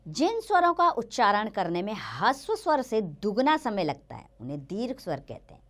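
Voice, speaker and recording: Lively-voiced woman teaching children. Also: medium pitch. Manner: clear, patient explaining, drawn-out example words. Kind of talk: children's grammar lesson.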